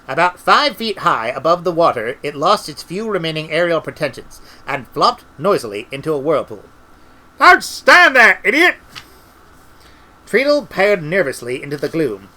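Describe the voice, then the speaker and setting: Middle-aged male reader, bright voice, animated comic narration. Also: a little high, moderate pace, rough recording. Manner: lively, expressive storytelling. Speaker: audiobook reader. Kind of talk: comic novel reading.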